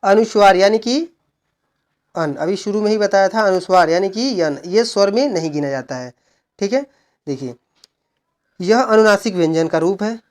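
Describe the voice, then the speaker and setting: A male teacher giving an exam-prep grammar lesson, who asks questions and answers them himself while explaining slowly and repeating key points. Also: sits high, lively intonation, darkish tone. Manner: slow, repeated explaining with frequent "look" and "okay".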